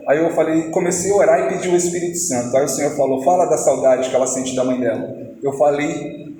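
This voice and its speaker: High-voiced preacher man in echoey hall. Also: darkish tone. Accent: Brazilian Portuguese. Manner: storytelling, acting out dialogue. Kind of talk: testimony sermon. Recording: echoey hall, faint noise.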